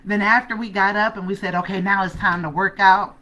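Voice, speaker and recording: A woman telling a personal story as a motivational speaker, animated and laughing often, talking straight to her audience. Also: mid-range voice, brisk, muffled recording. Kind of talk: storytelling talk.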